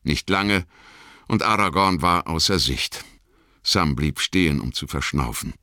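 A man reading an audiobook in a dramatic, expressive storytelling manner. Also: a bass voice, a little slow, smooth, dry recording, clean studio sound. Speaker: audiobook narrator. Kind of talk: scripted narration.

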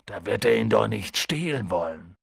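Hagrid, a man voicing a gravelly gruff giant. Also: fairly low pitch, lively intonation, normal speed, dry recording, clean studio sound, full character voice. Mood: gruff, rambling. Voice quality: gravelly, husky. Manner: rambling, hesitant with ums. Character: big gruff kindly male half-giant groundskeeper. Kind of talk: audiobook character voice.

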